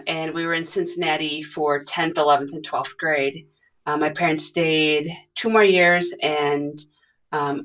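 A woman in her thirties from the US Midwest, a podcast guest chatting casually and rambling with many pauses. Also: low voice, a bit bright. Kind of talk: casual conversation.

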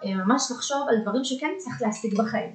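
Earnest, emphatic woman in a roomy space. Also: fairly high pitch. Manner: earnest, emphatic, with frequent hesitation fillers. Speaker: guest confidence coach. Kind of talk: casual podcast conversation. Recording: roomy echo.

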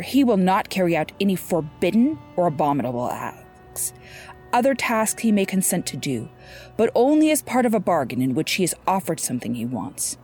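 A woman voicing a calm, persuasive male sorcerer in a measured, courteous storybook reading. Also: lowish voice.

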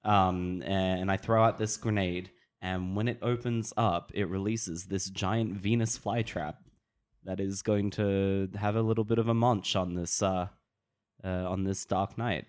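A man playing a tabletop role-playing game, describing his moves casually and haltingly, in fragments. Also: low voice, fairly even intonation. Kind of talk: casual improvised game play.

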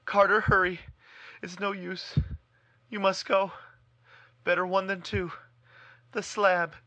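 A man voicing a terrified man trapped underground, crying out frantically in high, strained pleas. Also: level tone, slow, sharp tone, lo-fi sound, heavily acted. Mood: frantic.

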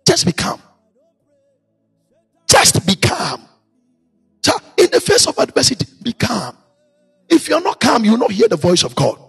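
Male preacher, high husky voice, sing-song chanted sermon with shouted peaks. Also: wildly swooping pitch, a little slow, pauses often, soft background music.

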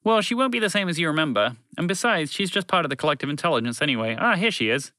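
A man voices a condescending storybook alien that argues every point and takes offence easily, speaking in a bright, raised voice whose pitch swings around lively. Despite this, the mood stays matter-of-fact, with casual phrasing, a fast pace, and no echo.

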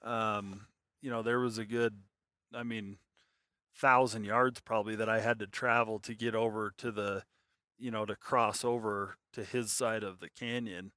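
A man casually recounting a hunting trip in the mountains, talking hesitantly with many fillers and pauses. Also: fairly low pitch, little pitch movement, sharp tone, dry recording. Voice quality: hesitant, lots of fillers and restarts. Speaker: hunter telling a story. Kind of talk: casual storytelling.

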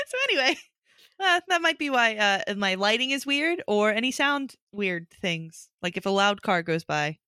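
A woman chats casually and playfully with very animated pitch. Her voice is bright and recorded close and dry, with a joking lilt to her co-hosting. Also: measured pace, clean tone, no echo. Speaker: podcast co-host. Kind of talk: casual chat.

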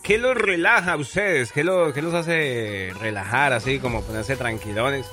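A man's voice: mid-range voice, moderate pace, over music. A man co-hosting a morning radio show, chatting in a laid-back, joking way and sending greetings to listeners. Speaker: radio co-host.

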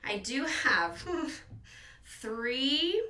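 Bright-voiced chatty woman podcast host. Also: high voice, big pitch swings, extremely slow. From Virginia, US. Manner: chatty, laughing, self-deprecating. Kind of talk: casual chat.

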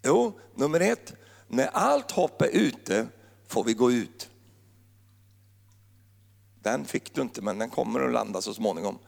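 A man's voice: medium pitch, creaky, big-room sound. A man preaching a sermon in a playful, joking way, full of wordplay. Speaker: pastor.

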